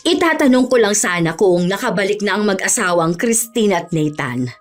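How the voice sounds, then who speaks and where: A woman voicing a calm, knowing old woman neighbor in a horror radio drama. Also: medium pitch, normal speed, faint music behind, close to an everyday voice. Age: older. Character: shrewd old woman neighbor who reads people.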